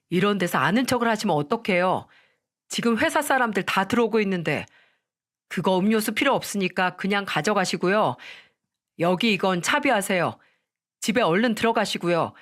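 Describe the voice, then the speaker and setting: An arrogant newly promoted husband, as a woman reads him in a dramatized story, curt and irritated. He sounds dismissive and talks at a middling pitch. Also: animated, moderate pace, a bit bright, close to an everyday voice.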